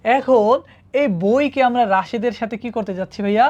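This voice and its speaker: A woman's voice: fairly high pitch, moderate pace, a little mellow, highs cut off. A woman teaching Arabic grammar to students in a classroom-style lesson, patiently asking them questions and checking that they follow. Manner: patient, asks the class questions and often checks with "ঠিক আছে?".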